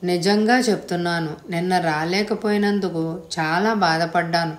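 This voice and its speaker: A woman's voice: lowish voice, fairly even intonation, moderate pace, lightly acted. A woman voicing a polite, slightly flustered young man in a storybook reading. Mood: earnest. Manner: polite, hesitant. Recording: echoey room.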